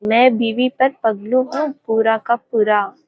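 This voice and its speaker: A woman voicing a doting, playful young husband in a romance story, speaking softly and affectionately. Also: a little high, steady tone, takes it slowly, poor audio. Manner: soft, affectionate, teasing. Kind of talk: audiobook story reading.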